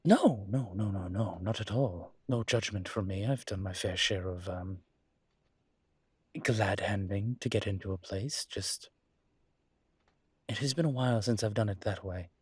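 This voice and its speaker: In an intimate audio roleplay, a man plays a suave, flirtatious demon professor, teasing and courtly, using formal wording broken by hesitant pauses. His voice is on the low side and husky on a dry recording, and he sounds flustered yet charming.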